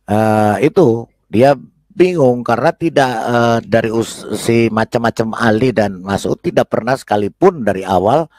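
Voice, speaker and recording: A man hosting and talking casually about a debate clip, with relaxed fillers and repetition. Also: mid-range voice, no echo. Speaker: host commenting on a debate clip. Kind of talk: casual commentary.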